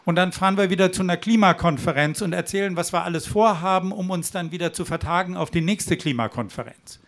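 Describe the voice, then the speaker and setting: Talking fast in a high, fairly bright voice, a rally speaker from southwestern Germany urges his audience at an outdoor demonstration. His speech is earnest and persuasive, with the odd restart.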